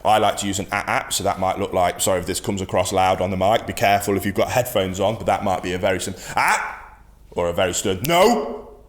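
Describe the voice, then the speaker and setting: A man's voice: low-pitched, level tone, quick pace, hardly any pauses. A man teaching as a dog trainer, giving an instructional talk in a firm, emphatic way and repeating his key points.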